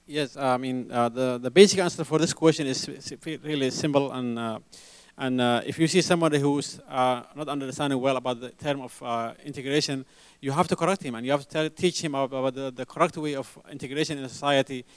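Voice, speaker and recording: A man from Somalia gives a halting panel answer, full of restarts and fillers, in a mid-pitched voice. His voice is smooth and clear, and the sound is dry and close. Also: fairly even intonation, no echo. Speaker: conference panelist. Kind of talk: panel answer to an audience question.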